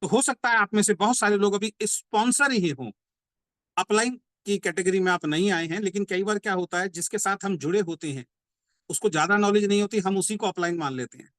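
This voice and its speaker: A man giving a motivational business training talk. He explains by repeating points and asking rhetorical questions, and says key slogans slowly. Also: sits high, a bit bright, no room sound. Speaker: network marketing trainer.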